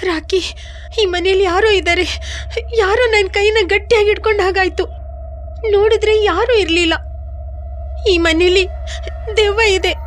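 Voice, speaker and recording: A woman's voice: extremely high pitch, fairly even intonation, normal speed, pauses often, slight background noise. A woman dubbing a frightened young orphan woman who talks tearfully and pleads in a film. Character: frightened young woman, orphan, weeping over her brother. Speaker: dubbing actor. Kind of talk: dubbed film dialogue.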